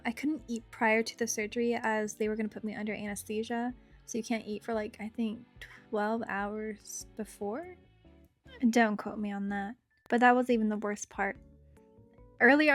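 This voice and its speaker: High-voiced young woman telling a casual story. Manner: chatty, conversational. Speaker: storyteller narrating own experience. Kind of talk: casual story time narration. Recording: guitar music behind the voice. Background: guitar music.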